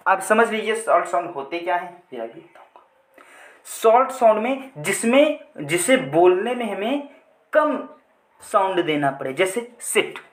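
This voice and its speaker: High-voiced male teacher drilling a lesson. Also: roomy sound. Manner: repetitive, drilling, asks and answers own questions; addresses viewers as friends. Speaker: English teacher. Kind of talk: Hindi-language online English lesson.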